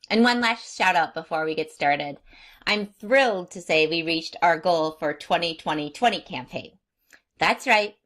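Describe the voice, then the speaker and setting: Chatty minnesotan lady hosting a podcast, bright voice, dry close sound. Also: lowish voice, dry recording, rough recording. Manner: upbeat, chatty, laughs easily. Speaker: podcast host. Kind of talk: podcast interview.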